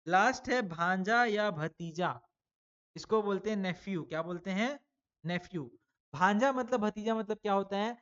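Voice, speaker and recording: A man's voice: high voice, moderate pace, a bit bright, dull audio. A male teacher giving an online exam-prep lesson to children, talking casually, calling the pupils "beta", and asking questions that he answers himself. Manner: asks students questions and answers them himself; chatty, addresses pupils as "beta".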